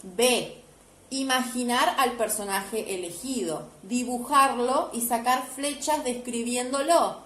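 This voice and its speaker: A woman's voice: fairly high pitch, slow, fairly bright tone. A woman primary school teacher, explaining homework to children step by step. She is patient and keeps checking that they follow. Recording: echoey room, faint background hiss.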